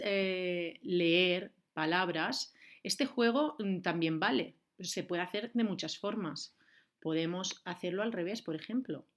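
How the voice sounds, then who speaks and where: A young adult woman with a Valencian accent, teaching a remote lesson to young children in a clear, encouraging way. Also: on the low side, fairly bright tone. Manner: slow, clear, encouraging, speaks to kids and switches between Valencian and Spanish. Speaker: primary school teacher.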